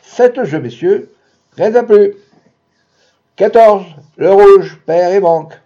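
A man voicing a male casino croupier who calls out the bets in a loud sing-song and later mocks a player. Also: high-pitched, takes it slowly, highs cut off, voice pushed up. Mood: calling bets.

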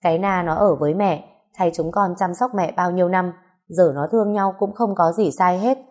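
A woman's voice: on the low side, normal speed, darkish tone, lightly acted. A woman reading the part of a firm, earnest middle-aged man pressing his mother. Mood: insistent. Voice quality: earnest, persuasive.

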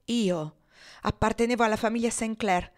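A woman's voice: on the high side, moderate pace, pitched above the performer's own voice, close to an everyday voice. A woman doing a haughty proud young man. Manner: haughty, indignant. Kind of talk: audiobook reading.

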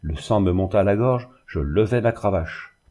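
A man's voice: lowish voice, moderate pace, dark tone, lightly acted. A man voicing a sneering, bitter glassmaker. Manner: sarcastic and sneering. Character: bitter, sneering middle-aged male glassmaker.

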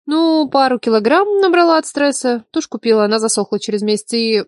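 A man voicing a sharp-tongued young woman teacher in an audiobook, cool, curt and sarcastic. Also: very high-pitched, brisk, dry recording, studio quality, voice pushed up. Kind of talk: audiobook character voice.

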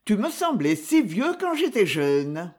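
A reader voicing a self-assured young miller's wife in a storybook reading, with a husky tone and lively pitch. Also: unhurried. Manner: assured and commanding.

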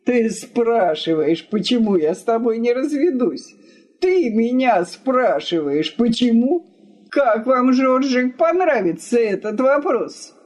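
A woman's voice: a little high, big pitch swings, takes it slowly, darkish tone, pitched above the performer's own voice, heavily acted. A woman reading aloud, voicing an exasperated middle-aged husband who blusters and pleads. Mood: pleading.

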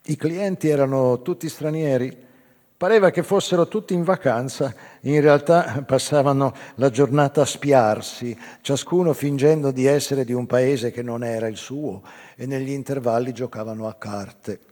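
An actor narrates a literary monologue, playing a wistful, intense man reminiscing about an old love in a slow, deliberate, theatrical first-person reading full of pauses, sometimes sinking to a near whisper. His mid-range, mellow voice sounds close to an everyday one, recorded in a reverberant hall with live plucked guitar behind him.

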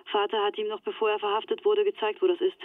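An actress in a German radio drama plays an anxious, resigned young woman, speaking earnestly through a telephone filter. Her medium-pitched voice is flat and fast, the mood urgent and sober, and the audio thin and band-limited like a phone line.

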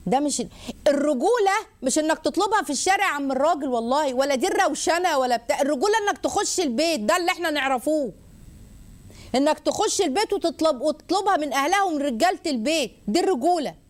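A woman with an Egyptian Arabic accent hosting a religious advice talk, lively and rhetorical, listing points and mimicking people. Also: high voice, quick pace. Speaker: host.

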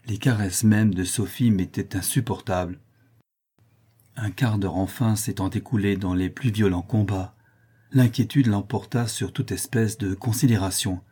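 Deep, husky male audiobook narrator. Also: warm tone. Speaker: audiobook reader. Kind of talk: first-person novel narration.

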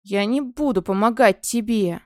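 A woman's voice: a little high, moderate pace, warm tone, no echo, studio quality, lightly acted. A woman voicing a rude, skittish male dragon familiar in a storybook, growling and hissing his lines. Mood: grumbling.

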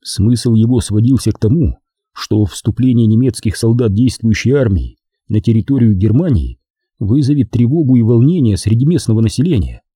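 A man narrating a wartime memoir as an audiobook, telling the story in a measured way. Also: mid-range voice, husky, dry recording, clean studio sound. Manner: measured storytelling with lively intonation.

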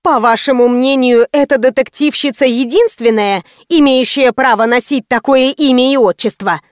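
A woman's voice: sits high, normal speed, no room sound, clean studio sound, close to an everyday voice. A woman voicing a haughty, stern middle-aged woman writer who speaks in a cold, curt, disdainful way.

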